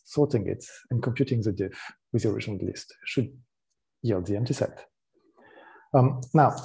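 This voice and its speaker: A man with a French accent giving a technical conference talk, explaining in a relaxed way with frequent ums and restarts. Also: medium pitch, vocal fry. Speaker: conference speaker.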